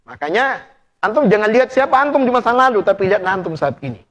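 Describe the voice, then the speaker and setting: A male preacher giving a lively, playful premarital class sermon, addressing the audience directly and testing them with questions. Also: high voice, fast talker. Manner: animated, playful, acts out couple dialogue in hushed voices.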